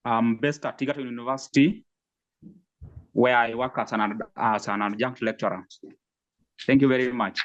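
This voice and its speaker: A man's voice: medium pitch, steady tone, moderate pace, pauses often. A man from Kenya, an adjunct lecturer, introducing himself politely on a video call. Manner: polite, courteous. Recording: dull lo-fi call audio.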